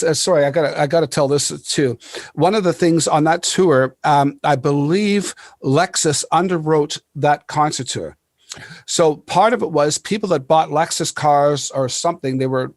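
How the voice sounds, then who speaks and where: A man hosting a casual chat, telling stories in an animated way with laughs and many restarts. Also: fairly high pitch, normal speed, no room sound, clean studio sound. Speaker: podcast host.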